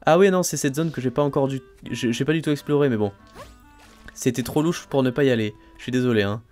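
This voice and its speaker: A man casually commenting on his gameplay as a let's play host, thinking aloud, full of fillers and excited exclamations over each new find. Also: mid-range voice, fast talker, soft background music. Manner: chatty, thinks aloud, frequent "hein" and "euh" fillers.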